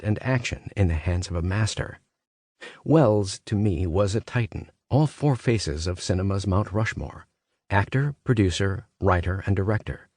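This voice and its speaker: A man's voice: on the low side, darkish tone, no room sound, clean studio sound. A man reading a scripted nonfiction audiobook as its narrator.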